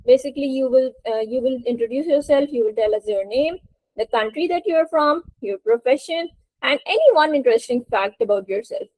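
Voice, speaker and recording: On an online call, a woman English teacher hosting a webinar leads a group in a spoken English lesson, encouraging and prompting participants. Her voice is high-pitched and darkish in tone, a little fast, and the recording is rough.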